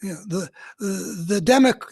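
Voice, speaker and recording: This radio host's high-pitched voice is somewhat husky, slightly breathy, and darkish, moving at a normal speed. He gives earnest, searching political commentary, reasoning out loud in long, winding sentences.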